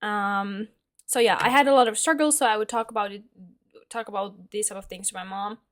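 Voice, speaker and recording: A woman's voice: mid-range voice, fairly even intonation, fairly quick. A young woman from Finland, talking casually to camera as a vlogger, hesitant and full of fillers as she searches for words. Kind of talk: casual personal monologue.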